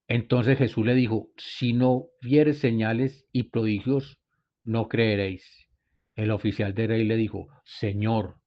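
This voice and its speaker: A male preacher teaches a Bible study at an unhurried, deliberate pace, his voice sitting at an ordinary middle pitch. His delivery is earnest and builds to emphatic peaks. The recording has a dull, lo-fi sound.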